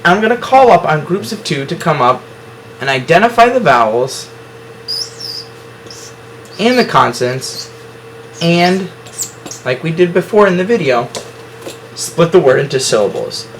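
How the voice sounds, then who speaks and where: A man's voice: a little high, very animated, a little slow, long pauses, fairly bright tone, slight background noise, rough recording. A man teaching a phonics lesson to a class, explaining syllables at the whiteboard and praising students often.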